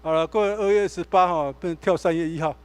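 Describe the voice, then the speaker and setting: Lively Taiwanese pastor, slightly high voice. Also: male voice, a little fast, smooth. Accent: Taiwanese Mandarin. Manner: animated storytelling, acts out dialogue. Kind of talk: sermon. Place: church sanctuary.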